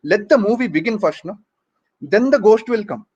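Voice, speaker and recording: Performing stand-up from home for a virtual conference audience, a man with an Indian English accent teases and chats, leaning heavily on tag questions. His high voice is lively, mellow, and slightly breathy at a normal speed, carried over dull, lo-fi call audio.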